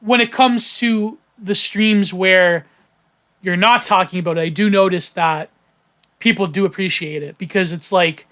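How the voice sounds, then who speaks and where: A man's voice: high-pitched, steady tone, unhurried, fairly bright tone. A man from Canada, hosting a casual podcast chat, rambling with many fillers and restarts. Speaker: podcast host.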